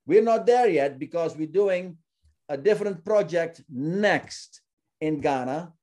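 Male guest from Suriname, earnest and halting, fairly high, warm tone. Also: animated. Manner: earnest, often repeats words while searching for them. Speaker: ministry founder, guest. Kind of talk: casual interview talk.

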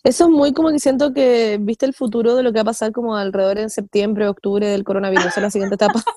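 Young Chilean woman, high pitch, dry close mic, dramatic retelling, casual chat. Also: lively intonation, a little fast, warm tone, no room sound. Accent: Chilean Spanish. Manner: chatty, dramatic retelling with quoted lines. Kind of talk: casual chat among friends.

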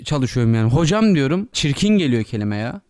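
A man's voice: mid-range voice, big pitch swings, brisk, darkish tone, no room sound, clean studio sound. A young man co-hosting a casual podcast chat, playful and egging his friend on. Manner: playful, eggs the other on. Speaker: podcast co-host.

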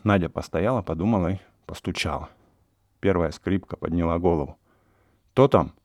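A man narrating a classic story in a measured storytelling manner. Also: sits low, steady tone, no room sound, studio quality. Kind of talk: audiobook narration of classic prose.

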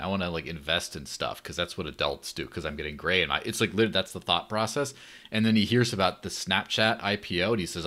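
A man chatting casually on a panel, telling an animated story and acting out the quotes. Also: low voice.

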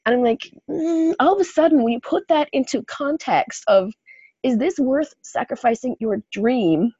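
Animated, husky-voiced woman co-hosting a podcast. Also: sits high, normal speed, no room sound, muffled recording. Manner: animated, laughs often, acts out her inner voices. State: sick, clearing throat and coughing. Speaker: podcast co-host. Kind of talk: casual chat.

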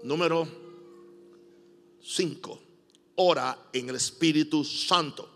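A fairly high-voiced man with a Puerto Rican accent preaching a sermon, swinging into loud emphatic bursts and light joking asides. His voice rings with a long hall reverb in a church, and soft music plays faintly underneath. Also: slow, creaky. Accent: Puerto Rican Spanish. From Puerto Rico.

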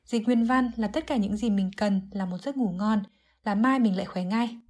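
A woman giving an English vocabulary lesson, explaining clearly and methodically, word by word. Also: mid-range voice, moderate pace, darkish tone. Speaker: English teacher.

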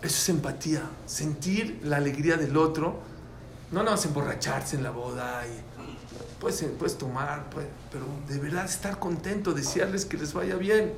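A man's voice: on the high side, normal speed, vocal fry. Emphatic man teaching a religious class. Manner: emphatic, repeats key phrases, asks the class questions. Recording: echoey room with faint background noise.

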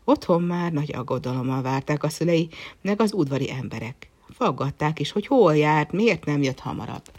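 A storyteller reading a fairy tale aloud in steady narration. The voice rises on key words. The ends of phrases sink to a soft, almost whispered hush. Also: mid-range voice. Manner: phrase ends drop to a hushed near-whisper.

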